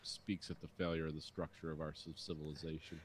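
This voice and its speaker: Speaking quickly in a level-toned bass, a man in his forties hosts a podcast from his dim home studio, recorded through a boom-arm studio mic with headphones. He rambles through crude banter, swears liberally and mimics people, and a faint hiss or hum sits under the recording.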